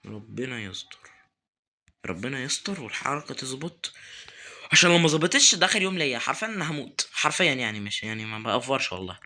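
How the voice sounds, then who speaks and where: Fast-talking Egyptian gamer man. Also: mid-range voice, very animated, bright, forceful tone, a little hiss or hum. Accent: Egyptian Arabic. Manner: nervous, muttering prayers, taunting the game. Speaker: gaming YouTuber. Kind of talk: horror game commentary.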